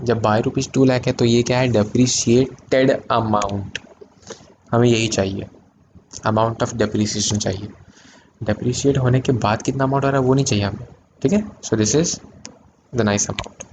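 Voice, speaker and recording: A man teaching an accounting lesson in mixed Hindi and English, asking his students questions and answering them himself, with sudden loud emphatic bursts. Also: mid-range voice, a little hiss or hum, low-quality recording. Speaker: commerce teacher. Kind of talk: classroom-style video lesson.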